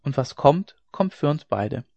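A man voicing a gentle, anxious young wife who speaks softly and hesitantly, on a dry, dull lo-fi recording. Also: a little high, expressive, unhurried, vocal fry, no room sound, exaggerated voice. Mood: tender. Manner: soft, hesitant.

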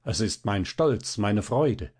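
A man's voice: fairly low pitch, expressive, slow, a little mellow, breathy edge, heavily acted. A man voicing a proud, hot-tempered violinist who bursts out in theatrical indignation. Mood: boastful.

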